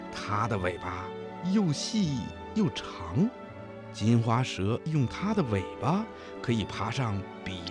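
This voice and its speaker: A man tells facts to small children as if reading to a toddler. His pitch swings in a lively way and he stretches words and asks little questions. Music plays behind him. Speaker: children's radio storyteller. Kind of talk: scripted educational narration for small children. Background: background music.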